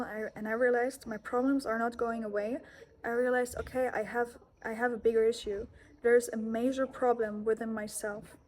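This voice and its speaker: A young woman with a German accent speaks in a heartfelt personal monologue, earnest and gentle, often restarting her phrases. Her voice sits somewhat high. A faint hum of room ambience lies underneath. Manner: earnest, heartfelt, self-correcting. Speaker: yoga teacher and vlogger.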